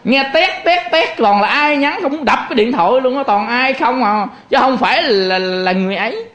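High-voiced, chatty monk. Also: male voice, a little fast, fairly bright tone. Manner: chatty and joking, constantly addressing the audience. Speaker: Buddhist monk. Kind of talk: conversational sermon to lay followers.

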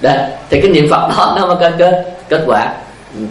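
A man's voice: on the high side, animated, a little fast, reverberant, poor audio. A male Buddhist monk giving a dharma talk, asking rhetorical questions and telling stories. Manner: repetitive, asks rhetorical questions, tells stories. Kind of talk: sermon with anecdotes.

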